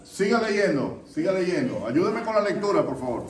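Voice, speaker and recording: A man's voice: high-pitched, very animated, moderate pace, a crowd in the background. Preacher questioning his congregation, echoey church. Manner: asks the congregation questions, repeats answers. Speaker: pastor. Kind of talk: interactive sermon with congregation reading. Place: church during an evening vigil. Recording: echoey church, distant mic, background noise.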